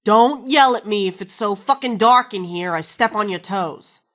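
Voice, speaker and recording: A woman's voice: mid-range voice, normal speed, a bit bright, lightly acted. An actress playing a wisecracking, foul-mouthed woman companion in a video game, sarcastic and slangy. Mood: sardonic.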